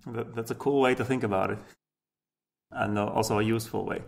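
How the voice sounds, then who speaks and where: Male podcast host, native Latvian speaker, low and gravelly, short agreeable replies. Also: fairly even intonation, brisk. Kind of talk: casual interview talk.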